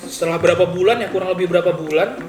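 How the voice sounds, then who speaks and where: A man's voice: high-pitched, racing. A man, chatting casually as a podcast host while eating, his mouth sometimes full. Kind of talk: casual chat over food. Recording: echoey room with music behind.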